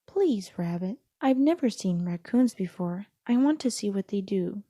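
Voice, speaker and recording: A woman voicing an eager, wide-eyed young boy kangaroo in a storybook, excitable and pleading. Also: medium pitch, a little slow, dry recording, clean studio sound. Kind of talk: storybook read-aloud.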